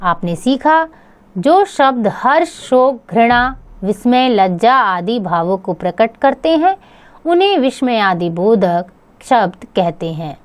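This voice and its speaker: Lady reading out a grammar lesson for kids, real slow, word by word. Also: fairly high pitch, big pitch swings. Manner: slow, measured, reads word lists one by one. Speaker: teacher. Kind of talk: slow, careful grammar lesson narration for children.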